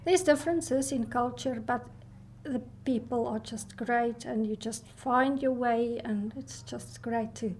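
A woman from South Africa answering interview questions in a warm, appreciative way. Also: on the high side, slight background noise.

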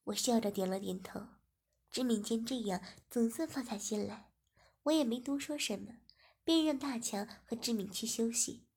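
A woman narrating a story in a plain, steady reading manner. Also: fairly high pitch, breathy edge.

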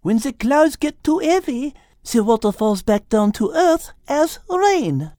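A woman's voice: sits high, very animated, a little slow, mellow, dry recording, studio quality, voice pushed up. A woman voicing an encouraging female teacher with a put-on French accent who drops French words into her explanations. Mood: explaining.

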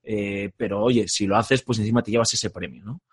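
A man's voice: lowish voice, moderate pace, husky. A man with a Castilian Spanish accent giving a casual game review on a podcast, conversational and full of tag questions.

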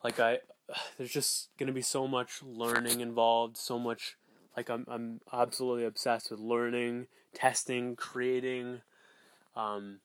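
A man's voice: medium pitch, level tone, measured pace, a bit bright, clean tone. A man speaking candidly and off the cuff as a podcast host, rambling and repeating for emphasis, recorded on a phone voice memo app. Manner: candid, rambling, emphatic repetition, casual swearing. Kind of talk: casual unscripted solo podcast monologue. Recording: close dry phone voice memo.

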